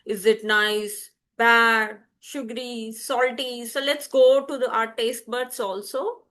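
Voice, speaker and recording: A woman teaching vocabulary, repeating each word slowly and clearly for learners. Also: fairly high pitch, fairly even intonation, fairly bright tone. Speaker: language teacher. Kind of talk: slow, deliberate vocabulary lesson.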